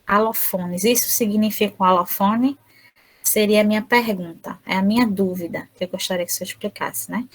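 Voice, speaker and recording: A woman interpreting an online lecture aloud, speaking haltingly with frequent tag questions. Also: medium pitch, poor audio.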